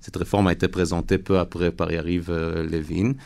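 Deep, gravelly man with foreign-accented French. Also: little pitch movement, darkish tone. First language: not French. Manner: earnest, halting phrasing with searching for words. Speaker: interview guest, lawyer and reservist. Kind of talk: radio interview answers.

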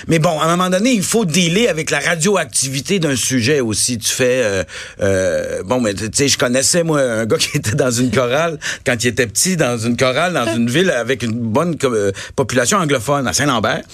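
A man with a Quebec French accent, a comedian, chatting casually in a halting way with frequent restarts. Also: medium pitch, animated, a bit bright, no room sound. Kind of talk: casual chat.

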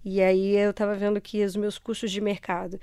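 A woman's voice: mid-range voice, level tone, normal speed, mellow, smooth, dry recording, clean studio sound. A Brazilian woman with a carioca accent from Rio, answering conversationally as an interview guest in a reflective, explanatory way. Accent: Brazilian, Rio de Janeiro (carioca). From Ceará, Brazil.

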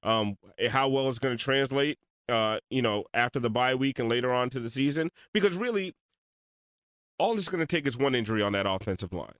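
A man's voice: mid-range voice, expressive, fairly quick, a bit bright, smooth, no echo, clean studio sound. A man co-hosting a sports radio show in a casual, rambling way, often repeating words while he thinks. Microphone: studio microphone.

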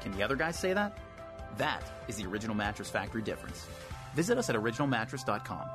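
A man reads a radio ad quickly, his pitch bouncing around in an upbeat sales pitch. Music plays clearly behind him. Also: big pitch swings. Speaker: announcer. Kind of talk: radio ad read.

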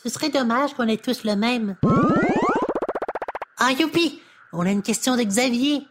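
A bright, slightly high young boy from a children's TV show, full of eager questions as a woman acts him out. He sounds cheerful and wide-eyed, always keen to learn something new. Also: measured pace, loud music behind the voice, lightly acted. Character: curious cheerful young boy puppet host. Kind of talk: children's TV dialogue.

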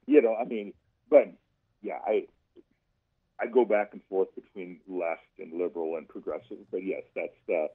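A man talking casually about politics on the radio, haltingly, repeating himself as he thinks aloud. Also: low voice, steady tone, breathy edge. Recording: dull, muffled radio sound.

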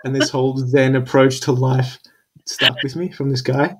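A man's voice: medium pitch, level tone, moderate pace, a crowd in the background. A young man in casual chat, laid-back and hesitant, with many fillers. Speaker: conversation partner.

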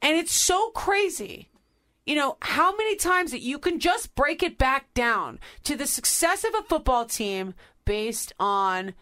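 A woman hosts a casual sports talk show with a fairly high voice. She argues her points emphatically and stays fired up. Her tone is chatty and opinionated throughout. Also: sing-song, a little slow, few pauses, sharp tone. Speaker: podcast host.

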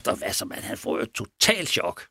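A man casually retelling a true crime story, animated and chuckling as he goes, often checking in with his listener. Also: no room sound, studio quality. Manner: chuckling, animated, asks for agreement.

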